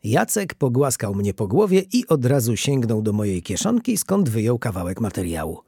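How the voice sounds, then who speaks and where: A man narrating a children's storybook in a lively reading voice, lifting his pitch for the children's lines. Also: normal speed, gravelly, husky, no room sound, studio quality.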